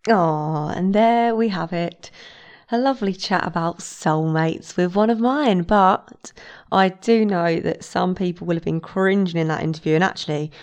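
A woman with a fairly low voice closes out her podcast alone, musing in a reflective, self-mocking way. She talks directly to listeners in plain conversational speech. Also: moderate pace, a little mellow. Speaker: podcast host. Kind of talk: solo outro commentary.

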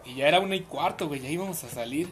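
A man's voice: on the high side, very fast, slight background noise. A young man with a Mexican accent, telling slangy stories in a laid-back casual chat with friends. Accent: Mexican Spanish.

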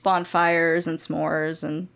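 A woman's voice: deep voice, flat delivery, slow, gravelly, fairly bright tone, clear, resonant tone. A young adult woman from Ohio, a motovlogger guest chatting casually on a podcast, laughing often.

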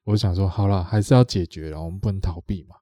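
Taiwanese guy on a podcast, low mellow voice, dry room, rambly storytelling. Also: steady tone, fast, no room sound. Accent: Taiwanese Mandarin. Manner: rambling, repeats himself, acts out others' lines. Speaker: podcast co-host. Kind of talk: casual storytelling chat.

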